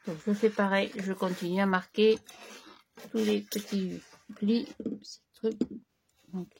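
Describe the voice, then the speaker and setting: Slow, slightly hoarse French-speaking craft woman. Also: medium pitch, steady tone, a little mellow, a little hiss or hum. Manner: slow, chatty, talks to herself while working. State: slightly hoarse, clearing her throat. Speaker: crafting tutorial host. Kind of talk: casual hands-on crafting tutorial.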